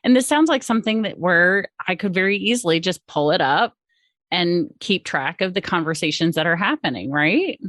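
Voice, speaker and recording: A woman's voice: fairly low pitch, animated, moderate pace, fairly bright tone, no room sound, clean studio sound. A woman hosting a casual interview podcast, chatty and informal, congested with a head cold. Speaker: podcast host.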